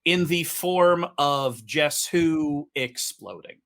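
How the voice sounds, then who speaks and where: A man's voice: a little high, animated, takes it slowly, vocal fry, fairly bright tone. A man narrating a tabletop role-playing game as game master, talking in a loose, rambling way with many fillers.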